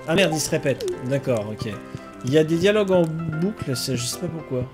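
A man's voice: on the high side, animated, a little fast, poor audio. A man doing casual let's-play commentary, chatting and reading game text aloud, now and then swearing lightly. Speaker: gaming streamer. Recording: game music playing behind. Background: game music and rain sounds.

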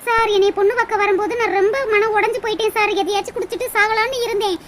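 Playing a lovesick young village girl in a cartoon, this woman sounds sorrowful and pleading in a Tirunelveli southern Tamil accent. She speaks very fast at an extremely high pitch, her intonation fairly even, while loud noise fills the background.

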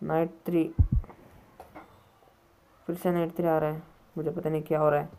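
A man's voice: a little high, completely flat delivery, normal speed, dark tone, a little hiss or hum. A man hosting his gaming channel, giving jumpy let's-play commentary on a horror game, often yelping in fright and talking to viewers.

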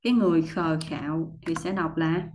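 A woman teaching English pronunciation, explaining patiently step by step and repeating model words, often clearing her throat. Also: sits low, normal speed, darkish tone, a little hiss or hum. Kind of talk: pronunciation lesson.

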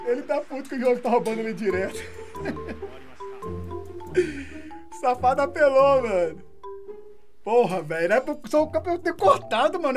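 A Brazilian woman calls her football video game match live, taunting and swearing as she plays. Her voice sits high and swings widely in pitch. Music runs clearly underneath her. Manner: excitable, taunting, swears often. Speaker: gaming streamer.

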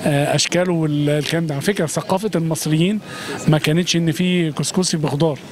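A middle-aged Egyptian man with an Egyptian Arabic accent races through a nighttime street interview in a fairly high, fairly even voice. He is effusive and emphatic, swearing by God often. The handheld reporter mic picks up outdoor city street noise.

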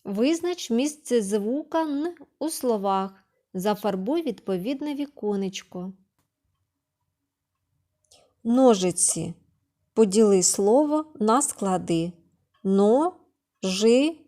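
A woman's voice: medium pitch, animated, takes it slowly, mellow. A woman kindergarten teacher giving a remote literacy lesson to preschoolers, patiently asking questions, answering them herself and sounding out words syllable by syllable.

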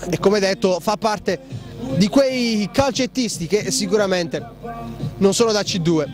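A man giving breathless, excitable live play-by-play commentary on a futsal match. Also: sits high, a little slow, over music. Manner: breathless, excitable, shouting on goals.

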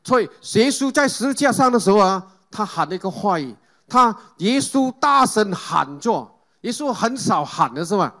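A man's voice: high-pitched, big pitch swings, moderate pace, fairly bright tone. A man preaching a sermon, calling out Amen and Hallelujah and putting questions to the congregation. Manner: asks the congregation questions and leads group reading.

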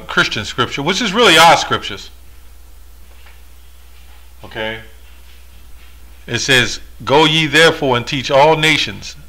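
A man's voice: mid-range voice, sharp tone. A man reading Bible verses aloud and explaining them in a monologue, with rhetorical asides. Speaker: religious commentator.

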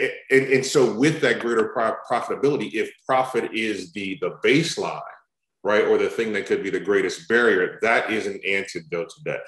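A man speaking as a panelist on a video call, reasoning aloud in a measured way and checking in with "right?". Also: lowish voice, fairly bright tone. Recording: roomy video call audio.

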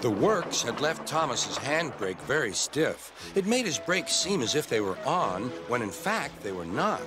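A man's voice: medium pitch, unhurried. A man narrating a children's storybook in scripted style, acting out each character, with music behind. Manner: expressive, acts out every character. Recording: music playing under the voice.

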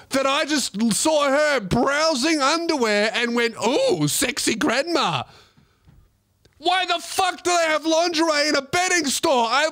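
A young man, a comedian host, telling a profane, self-mocking comedy story with animated delivery. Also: very high-pitched.

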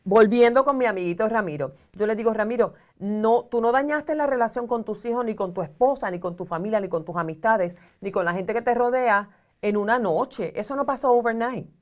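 A middle-aged woman speaks a little fast in a slightly high, darkish voice. Sitting in an armchair on a studio set as a social communicator guest on an advice talk show, she counsels earnestly. Her explanations are conversational, with wide gestures.

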